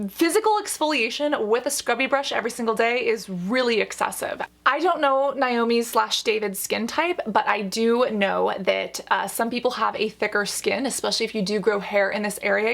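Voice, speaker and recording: A woman's voice: on the high side, gravelly, a bit bright. A woman giving conversational reaction commentary as a skincare host, speaking in an emphatic, playful, opinionated way. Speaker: esthetician reviewing skincare as host.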